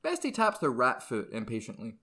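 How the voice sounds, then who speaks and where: Bright, animated man narrating comedy. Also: mid-range voice, fairly quick. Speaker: narrator reading stage directions.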